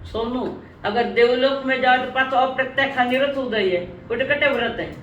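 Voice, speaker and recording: A woman teaching a religious lesson to an online class. She speaks slowly and deliberately, repeats her points and calls on her students by name. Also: high-pitched, roomy sound, far from the mic, highs cut off, a little hiss or hum.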